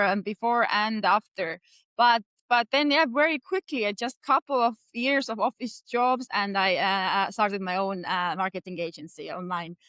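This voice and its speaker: A woman in her thirties with an Estonian accent, appearing as a podcast guest, answers interview questions earnestly, hesitating and restarting often. Her medium-pitched voice sounds pushed and bright, and the recording is dry.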